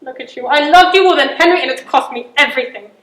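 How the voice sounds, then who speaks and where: Casting: female actor for older medieval queen, high-pitched, regal, wry manipulator in period drama, roomy sound. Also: fast talker, a bit bright. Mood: wistful, bitter. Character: proud, cunning older imprisoned queen and mother. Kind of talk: theatrical period drama monologue and dialogue. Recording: echoey room, audible background noise.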